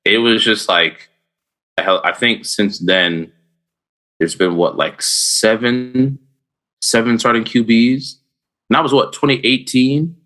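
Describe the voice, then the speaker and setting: A man's voice: mid-range voice, steady tone, slow, pushed and bright. A man co-hosting a podcast in casual chat, laid-back, telling stories with voiced asides. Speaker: podcast co-host.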